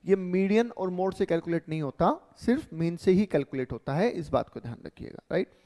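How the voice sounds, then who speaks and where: A man's voice: high-pitched, animated, a little fast, mellow. Man teaching in a reverberant classroom. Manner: explains step by step, checks in with "right" and "okay". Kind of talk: classroom lecture.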